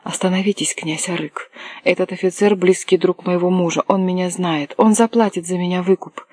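An audiobook reader voicing a desperate young English noblewoman who pleads for rescue with high, crying lines. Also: fairly even intonation, brisk, a little mellow, no echo, clean studio sound, lightly acted. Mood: begging. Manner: pleading, rising to cries. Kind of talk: audiobook character voice.

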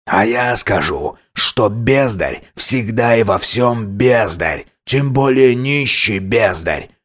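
A man voicing a domineering older father in an audiobook, slow, cold and contemptuous. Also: lowish voice, animated, a bit bright, full character voice. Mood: scornful. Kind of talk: audiobook character voice.

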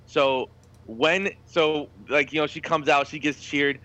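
A man joins a casual podcast chat in an eager, excitable way. His voice sits a little high. The recording is dull and lo-fi. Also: unhurried. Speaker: podcast co-host. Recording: dull lo-fi audio.

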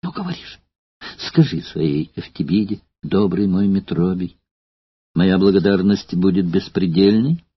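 A man voicing a young Greek courtesan who coaxes softly and hushed, scheming and jealous, in an audiobook reading. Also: on the low side, very animated, normal speed, creaky, slightly rough, heavily acted. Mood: coaxing. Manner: soft, pleading, hushed and intimate. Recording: slightly dull lo-fi recording.

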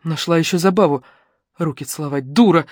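A woman's voice: on the low side, animated, fairly quick, darkish tone, no room sound, studio quality. Woman voicing a brusque, commanding stern woman. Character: tall stern grown woman, rough but protective.

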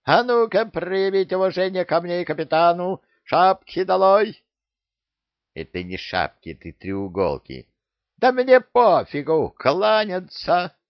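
Yaga, a shrill brash parrot. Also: male voice, expressive, measured pace, gravelly, no echo, highs cut off. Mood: bossy shouting. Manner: shrill, cocky, bossy shouting. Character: cheeky brash male parrot, boastful bully.

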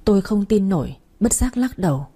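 A woman's voice: mid-range voice, expressive, brisk, mellow, breathy edge. Woman narrating a dramatic story. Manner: dramatic, emotional reading. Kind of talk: first-person audiobook narration.

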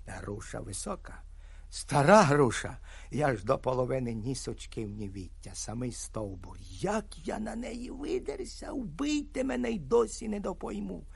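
A man voicing a garrulous 56-year-old hunter who tells a tale with lively exclamations. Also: on the high side, vocal fry, husky, voice pushed down, exaggerated voice. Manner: lively storytelling, animated exclamations.

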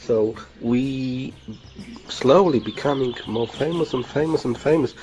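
Polish-accented man, podcast host, teasing and halting, mid-pitched voice. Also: dark tone. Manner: teasing, halting, restarts a lot. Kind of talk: casual chat.

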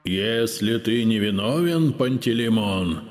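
A man voicing a vengeful, mournful male ghost who moans slowly in a booming, hushed, menacing voice. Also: expressive, soft background music. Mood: moaning, menacing. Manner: moaning sepulchral voice, slow and drawn out.

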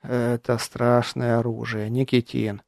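A burly medieval warrior, voiced by a male narrator, with a dark, dry audiobook voice. He speaks slowly and heavily, blunt and a little gloomy. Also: mid-range voice, creaky, dry recording. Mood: somber.

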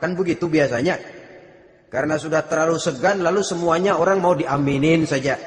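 A middle-aged preacher telling a story in a lively sermon, acting out voices. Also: male voice, fairly high pitch, a little fast. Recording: echoey hall.

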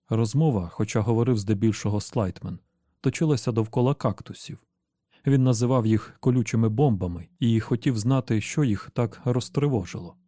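A male audiobook narrator reads in a steady, measured way. His voice is very dark and mellow, and the recording is close and completely dry. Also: medium pitch, dry recording. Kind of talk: scripted narration.

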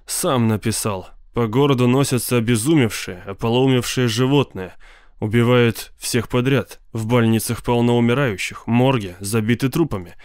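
A man voicing a shaken male newspaper reporter who speaks grimly and slowly. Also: medium pitch, a little mellow, clear, resonant tone, no room sound, studio quality, lightly acted. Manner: grim, measured.

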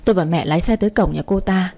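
A woman narrating a first-person family drama story in a steady, calm way. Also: fairly low pitch, fast.

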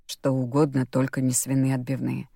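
A woman reading as a stubborn, irritable old father in an audiobook, speaking in curt, grumbling lines. The voice sits very low and dry, close to the microphone with no room sound. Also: monotone, normal speed, vocal fry, mellow, no room sound, exaggerated voice.

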